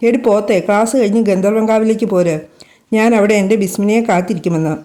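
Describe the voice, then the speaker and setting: A woman's voice: medium pitch, fast talker, mellow, close to an everyday voice. A woman reading the lines of a devoted young man in an audio storybook, tender and reassuring.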